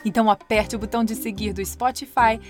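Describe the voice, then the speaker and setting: A woman with a Brazilian Portuguese accent narrating a children's story as host of a story podcast, in a lively, expressive way. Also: a little high, fairly quick, music in the background. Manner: lively, expressive, warm-hearted.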